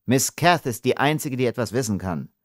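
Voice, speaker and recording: A man's voice: mid-range voice, lively intonation, moderate pace, dry recording, clean studio sound, voice pushed up, lightly acted. A man reading an audiobook, voicing a young ranger who holds back his anger with tense restraint. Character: young blond male ranger, barely controlled anger.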